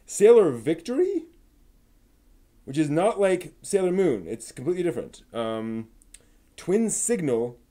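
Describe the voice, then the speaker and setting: Chatting casually on a live stream about anime news and giveaways, a man rambles and thinks aloud as he talks. His voice is on the high side and dark in tone, with big pitch swings, a slightly slow pace, and frequent pauses.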